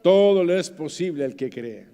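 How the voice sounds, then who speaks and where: A man with a Mexican accent preaching a sermon as pastor, dramatic, swinging from soft to loud. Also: on the high side, animated, moderate pace, clear, resonant tone. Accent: Mexican Spanish. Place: church. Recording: church hall reverb.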